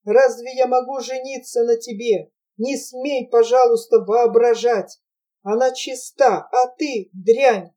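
A troubled young man, agitated and defiant, in a slightly lowered, dark voice, as a woman reader puts him on. He speaks slowly in a storybook reading. The mic sounds a little far off. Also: steady tone. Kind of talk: audiobook character voice.

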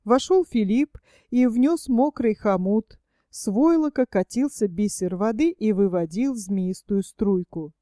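A woman reading a literary story aloud as an audiobook narrator, in a steady storytelling manner. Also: mid-range voice, unhurried, no echo, studio quality.

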